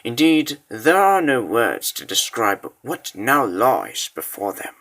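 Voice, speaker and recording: A man narrates a comic dub as a scripted dramatic story, sounding grave and deliberate with theatrical pauses. His mid-range voice is a bit bright and swings widely in pitch.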